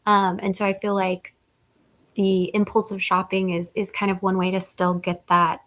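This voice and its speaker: A woman's voice: mid-range voice, level tone. Agreeable chatty woman co-host. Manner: chatty listener, quick to agree and react. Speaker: podcast co-host. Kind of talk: casual chat.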